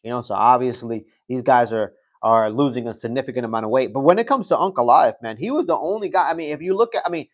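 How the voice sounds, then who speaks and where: Hosting a live stream, a man chats loosely, rambling, repeating himself and swearing now and then. His medium-pitched voice moves quickly with few pauses, and the sound is lo-fi.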